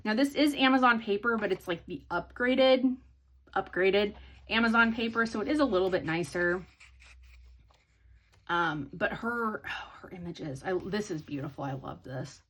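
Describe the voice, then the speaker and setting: A woman's voice: medium pitch, normal speed, fairly bright tone. A woman chatting casually in a hobby haul video, rambling with many ums and restarts. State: sleepy, yawning. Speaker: hobby vlogger.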